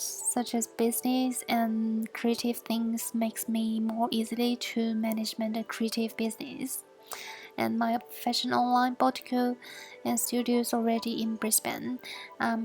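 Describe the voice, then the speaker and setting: Speaking from home through a basic microphone, a student gives a recorded assessment presentation of her work while faint music plays. She's a young native Mandarin speaker with a Chinese accent, and her English comes out halting and monotone in a higher voice, with many fillers and some soft, half-whispered passages.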